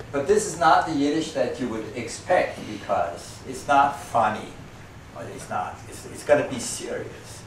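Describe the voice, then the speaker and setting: A man's voice: mid-range voice, a bit bright. A man with a Danish accent giving a rambling, self-deprecating introduction to a poem at a party, with many fillers and restarts. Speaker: musician introducing a poem reading. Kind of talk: informal spoken introduction at a party. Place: room at a party. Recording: echoey room, distant mic, faint hiss.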